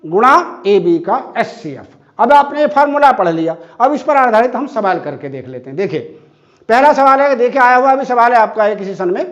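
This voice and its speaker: A man teaching a maths class, talking straight to his pupils with repeated rhetorical questions. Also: very high-pitched. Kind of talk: classroom lesson. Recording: dull lo-fi sound.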